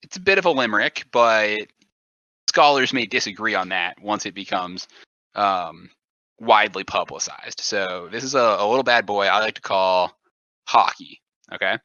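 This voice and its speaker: A man's voice: fairly low pitch, moderate pace, sharp tone, no echo. A young man co-hosting a podcast, casual and jokey, with a rambling way of talking. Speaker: podcast co-host. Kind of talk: casual chat. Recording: dull lo-fi recording.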